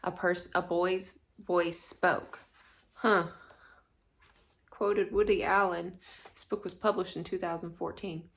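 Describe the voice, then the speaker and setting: A woman teacher reading a children's chapter book aloud, expressive, with casual asides between passages. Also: fairly low pitch, slow, pauses often.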